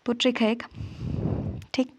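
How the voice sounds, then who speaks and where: A woman's voice: a little high, level tone, unhurried, a little hiss or hum. A woman teacher working through past exam questions step by step, often checking in with her students. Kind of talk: exam-prep lesson solving past papers.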